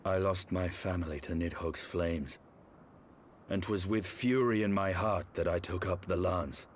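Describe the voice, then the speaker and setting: A deep male voice for a brooding, battle-weary knight in a fantasy game. He speaks gravely and formally, in archaic turns of phrase, with faint noise behind him. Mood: bitter, reflective. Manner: grave, archaic, measured speech. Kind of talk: dramatic video game acting.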